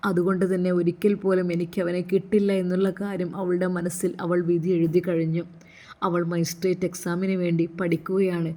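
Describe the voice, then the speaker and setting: A woman with a Malappuram Malayalam accent narrating a story in an earnest, emotive way with drawn-out phrasing. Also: lowish voice, warm tone.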